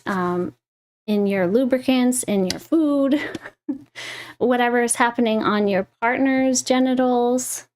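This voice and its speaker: Slow, high-voiced young woman on a livestream. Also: darkish tone, slight background noise. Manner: slow, meandering, restarts mid-phrase; enthusiastic about products she shows. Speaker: lifestyle host. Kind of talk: casual livestream talk.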